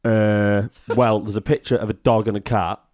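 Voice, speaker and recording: A man's voice: fairly low pitch, flat delivery, moderate pace, darkish tone. A man on a comedy podcast, giggling and stumbling as he reads product labels aloud. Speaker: podcast co-host. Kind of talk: casual comedy podcast chat.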